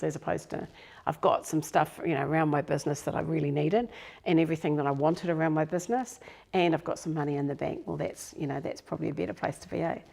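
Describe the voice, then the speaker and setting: Gravelly low-voiced New woman coach. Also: a little mellow. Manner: chatty and self-deprecating, laughs often. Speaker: business coach presenting a workshop. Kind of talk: live workshop talk to a group. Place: room with a live audience.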